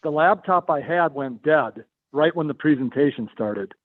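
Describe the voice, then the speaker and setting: A man's voice: on the high side, animated, normal speed, no room sound. A man speaking over the phone into a public meeting, hesitant and repeating his words. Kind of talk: meeting testimony. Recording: tinny phone line.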